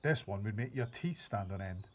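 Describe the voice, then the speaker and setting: An excitable big friendly old giant, as a man reads him aloud, tumbling over mangled grammar and made-up words. His voice is husky, and it swings widely up and down as he frets and marvels, in a storybook reading. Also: fairly low pitch, moderate pace. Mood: grumbling. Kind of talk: reading a children's book aloud.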